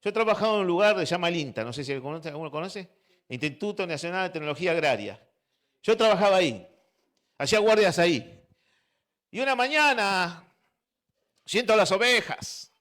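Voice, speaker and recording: Fervent Argentine pastor, higher voice. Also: male voice, expressive, a little fast, pauses often. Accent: Argentine Spanish. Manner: fervent, quizzes the congregation with repeated questions; swings between hushed and loud delivery. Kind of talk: sermon. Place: church service.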